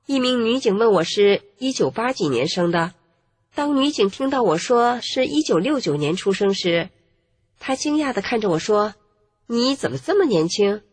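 A woman narrating her own life story in an earnest, measured way. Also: mid-range voice, lively intonation, husky. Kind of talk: first-person testimony narration. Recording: long reverb with faint music.

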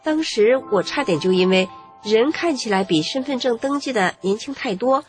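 A woman narrating her own life story in an earnest, measured way. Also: a little high, lively intonation. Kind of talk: first-person testimony narration. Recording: long reverb with faint music.

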